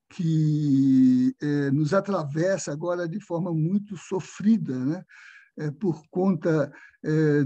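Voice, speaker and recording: An older man from Brazil presents an academic lecture via video call in a mellow voice on the high side. He proceeds slowly and hesitantly, with frequent fillers.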